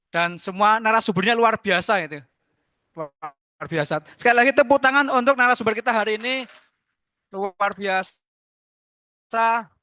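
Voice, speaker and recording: Middle-aged man, Javanese accent, high voice, bright and crisp, dry sound, lively host. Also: no echo. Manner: lively and chatty, mixing in Javanese words. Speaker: teacher hosting a school Zoom session. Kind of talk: casual hosting over Zoom.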